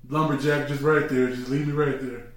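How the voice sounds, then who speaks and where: A man's voice: medium pitch, level tone, a little fast. A laid-back man on a couple's podcast, joking around and telling rambling stories. His voice sits mid-range and sounds a little distant from the mic, with heavy room echo. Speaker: podcast co-host. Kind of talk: casual couple's chat.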